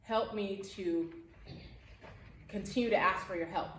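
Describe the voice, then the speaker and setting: A woman preaches to young people in an echoey room. Her delivery is earnest and encouraging, with plain, conversational phrasing at a medium pitch, as a youth pastor talking straight to her listeners. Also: a little slow, fairly bright tone.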